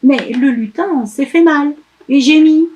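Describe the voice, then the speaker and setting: A woman narrates a children's storybook in an expressive, emphatic manner. Her voice sits high, and she takes her time over every sentence. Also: a little slow, muffled recording. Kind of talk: storybook read-aloud.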